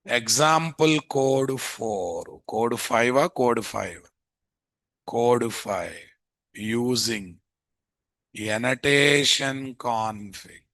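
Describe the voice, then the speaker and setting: A man's voice: mid-range voice, lively intonation, drawn-out words, fairly bright tone, dry recording. A man with a Telugu Indian accent teaching programming in a live online lecture, dictating notes, repeating phrases and quizzing listeners with tag questions. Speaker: programming instructor. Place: indoors, live screen-share online class.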